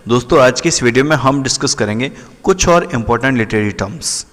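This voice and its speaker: A man explaining literary terms for exam preparation, slowing right down to read English definitions and checking in often with his students. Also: medium pitch, expressive, fairly bright tone, long reverb tail. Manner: repetitive, checks in often with the listener. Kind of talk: explanatory lesson.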